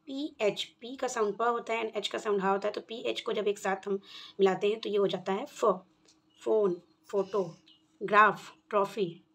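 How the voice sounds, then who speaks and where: A woman walks parents through a phonics lesson. She reads each practice word slowly and clearly and pauses between them. Her tone stays patient and even, like a teacher's. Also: mid-range voice.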